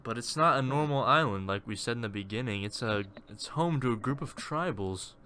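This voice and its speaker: A man's voice: mid-range voice, expressive, fairly quick, sharp tone, a little hiss or hum. A young man hosting a casual podcast, leading the talk with a jokey manner. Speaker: podcast host.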